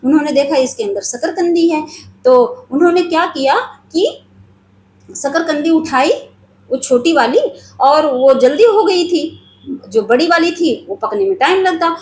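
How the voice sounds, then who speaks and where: A woman's voice: high voice, animated, measured pace, a little mellow, roomy sound. A woman telling her own spiritual story in an earnest, confiding way, speaking straight to her viewers.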